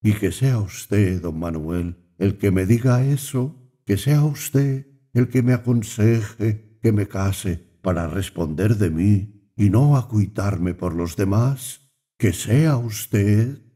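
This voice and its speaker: Anxious pious young woman, read by a man: pleading, slow, dark tone. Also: lowish voice, animated. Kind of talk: audiobook reading.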